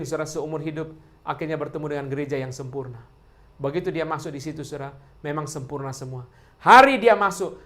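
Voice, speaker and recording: A man's voice: on the high side, bright, forceful tone. A man preaching a sermon to his congregation. He keeps turning to the listeners with direct address and poses question after question, then answers them himself. Key words come back again and again, hammered home. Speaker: pastor.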